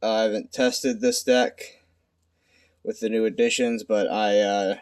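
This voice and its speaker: A young man speaking quietly at night in a hushed tone, giving a casual, unscripted card deck profile in a halting, self-deprecating way. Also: on the low side, fairly even intonation, clear, resonant tone. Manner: halting, self-deprecating, stumbling over words. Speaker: amateur video creator presenting a card deck. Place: at home at night.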